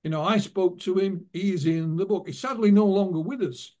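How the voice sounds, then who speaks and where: Interviewed as an author, a guest tells stories and recounts what witnesses said to him. His voice sits high with a darkish tone, and he talks fairly quickly.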